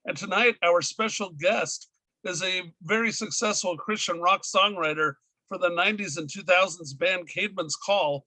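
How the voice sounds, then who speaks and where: A man's voice: high voice, moderate pace, bright, forceful tone, dry recording, low-quality recording. A man co-hosting a radio talk show, opening with an upbeat, jokey announcer delivery. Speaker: co-host.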